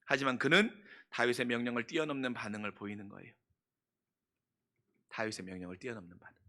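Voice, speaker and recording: A male pastor preaching a sermon earnestly, stressing points with slow, repeated phrases. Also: mid-range voice, steady tone, sharp tone.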